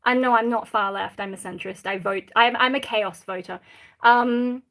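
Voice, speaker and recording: Blunt Australian woman with a higher-pitched voice. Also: steady tone, normal speed, a bit bright, slight background noise. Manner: blunt, irreverent, sweary. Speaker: live streamer. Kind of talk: casual livestream chat, reading out viewer questions.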